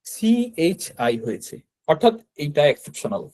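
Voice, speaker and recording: A man's voice: on the high side, very animated, moderate pace, darkish tone, rough recording. A man teaching a beginner online language class, explaining step by step and checking in with students with a frequent "right?". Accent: Bangladeshi Bengali.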